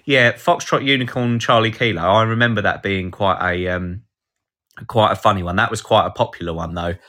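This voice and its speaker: A male podcast host runs a live show in a lowish, bright, forceful voice, speaking a little fast. He rambles and jokes casually, reading out comments from listeners in the chat.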